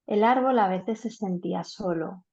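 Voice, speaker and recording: A woman reads a simple story aloud to her class in a calm, unhurried way. Her voice is mellow and soft. It comes through a dull, lo-fi video call. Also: mid-range voice, gravelly. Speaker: teacher.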